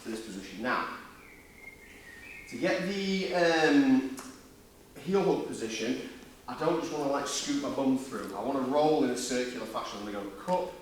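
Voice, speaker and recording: A man with a Yorkshire accent coaching a martial arts seminar, talking through demonstrations step by step in an informal, blokey way with quick checking questions. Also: mid-range voice, expressive. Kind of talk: hands-on demonstration teaching with casual banter. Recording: echoey room, distant mic, faint noise.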